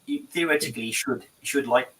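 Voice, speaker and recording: A man's voice: medium pitch, fast talker, bright, forceful tone. A man in casual panel chat, easygoing and prompting others with questions. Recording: voice distant from the mic.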